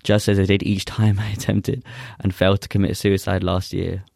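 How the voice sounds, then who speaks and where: A young man with a deep, flat, gravelly voice appears as a poet guest, mixing casual chat with spoken-word poetry recital. A native Urdu speaker, he sounds earnest yet halting, with many fillers. The recording is studio quality with no room sound.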